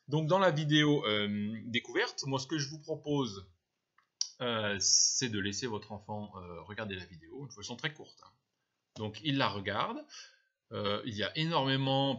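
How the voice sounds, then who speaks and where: A man's voice: on the low side, fairly bright tone, slightly rough. A male first-grade teacher casually explaining to parents how to practise letter sounds, patient and full of fillers and restarts. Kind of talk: casual spoken advice to parents. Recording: dull lo-fi recording.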